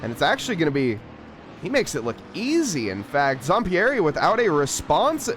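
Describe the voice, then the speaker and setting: A man giving casual, animated play-by-play commentary on a live race. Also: on the high side, normal speed. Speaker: sim racing commentator. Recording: clear engine and car noise behind. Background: race car sounds.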